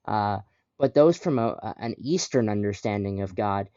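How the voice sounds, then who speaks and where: A man's voice: on the low side, moderate pace, mellow, smooth, dry recording. A male podcast host who affirms his guest and leads the talk with follow-up questions. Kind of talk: conversational podcast interview. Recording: dry, dull lo-fi audio.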